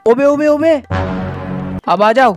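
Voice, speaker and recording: A man's voice: very high-pitched, takes it slowly. A young man giving playful, dramatic comic gameplay commentary, bantering with his own characters. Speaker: gaming channel host. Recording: faint game music behind.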